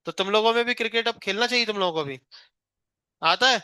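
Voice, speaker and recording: A man's voice: high voice, fast talker, bright, forceful tone, clear, resonant tone, no echo, studio quality. A male physics teacher in a live class, teasing and coaxing a shy student to answer, counting aloud to three.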